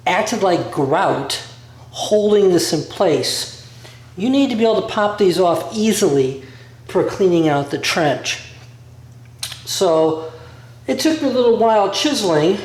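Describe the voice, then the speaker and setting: A man giving a casual instructional walk-through, rambling a little as he thinks aloud. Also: sits high. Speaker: DIY vlogger. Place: bare concrete-floored workshop room by a garage. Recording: very echoey room, distant mic, faint noise.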